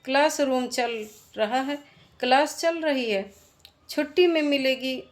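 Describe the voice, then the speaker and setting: A woman's voice: high-pitched, slow. A woman voicing a strict school watchman who answers curtly and dismissively.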